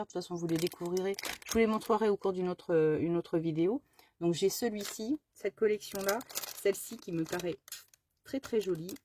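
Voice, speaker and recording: A woman's voice: on the low side, a little hiss or hum. A woman chatting casually through a haul of her craft supplies, rambling with lots of fillers and restarts and fumbling English product names. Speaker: craft vlogger. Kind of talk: casual haul show-and-tell.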